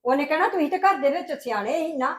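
A woman playing an older grandmother who grumbles and complains with a sharp tongue, in an amateur family drama. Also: high-pitched, lively intonation, quick pace. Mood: grumbling. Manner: scolding, gossipy complaint.

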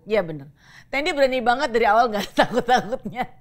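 A woman's voice: a little high, animated, a little fast. A middle-aged woman, co-hosting and reading viewer comments in casual banter, teasing and laughing often. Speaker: co-host.

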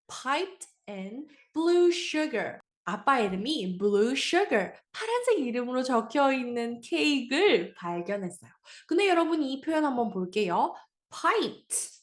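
Slow, lively woman teacher, echoey room. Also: high voice. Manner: patient, explains slowly and asks the listener questions. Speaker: English teacher. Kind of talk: English reading lesson.

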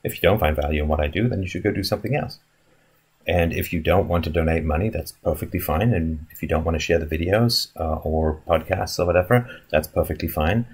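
A man in his fifties speaks in a low voice with a husky edge, musing and rambling as he answers viewer questions. He talks from an indoor room into a webcam, with fillers and restarts breaking up his sentences. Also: fairly quick. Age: 50s. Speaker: live stream host answering chat questions. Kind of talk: casual live stream talk. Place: indoor room in front of a wooden wall.

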